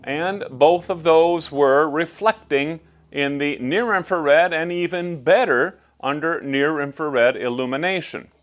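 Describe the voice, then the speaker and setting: Slow-paced man explaining in a vlog. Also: fairly high pitch. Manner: measured, conversational explaining. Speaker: host explaining shooting gear tests.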